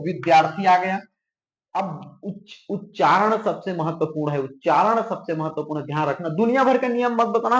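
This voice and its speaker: A man teaching Hindi grammar as an exam coach with a Chhattisgarh Hindi accent, repeating points and checking whether students understand. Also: high voice. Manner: repetitive, drilling, keeps asking if it's clear. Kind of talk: classroom lecture. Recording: echoey room, dull lo-fi sound.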